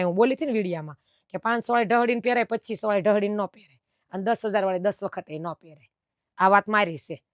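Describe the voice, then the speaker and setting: A middle-aged woman who owns a dress fabric shop chats casually and at length to the camera, explaining fabric cuts and quoting her customers. Her voice is mid-range, and the sound is clean studio quality with no echo.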